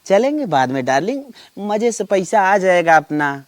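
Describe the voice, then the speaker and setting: A man's voice: high voice, sing-song, moderate pace, dry recording. A man playing a whiny broke Awadhi husband. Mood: pleading. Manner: pleading, whiny. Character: broke, pleading village husband, young man. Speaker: comic actor. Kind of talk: rustic comedy sketch.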